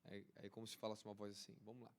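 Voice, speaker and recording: Speaking very fast in a fairly low voice, this Brazilian Portuguese-accented man delivers a fervent charismatic sermon in the role of an apostle. His preaching repeats itself and surges to excited highs.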